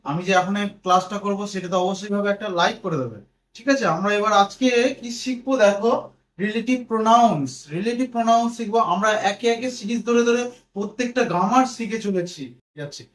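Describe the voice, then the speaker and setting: Very high-voiced Bengali man teaching grammar. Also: echoey room. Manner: asks questions and answers them himself, repeats. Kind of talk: whiteboard grammar lesson.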